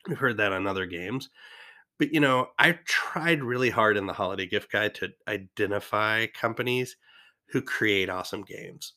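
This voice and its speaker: A man's voice: lowish voice, moderate pace, pushed and bright. A man in his fifties hosting a casual podcast, talking in an enthusiastic, rambling way with lots of fillers. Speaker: podcast host. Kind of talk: casual monologue.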